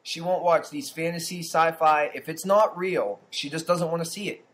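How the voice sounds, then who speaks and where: Rambling young man, slightly high voice. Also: fairly even intonation, normal speed. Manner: rambling storyteller with many fillers and restarts. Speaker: podcast co-host. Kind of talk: casual chat.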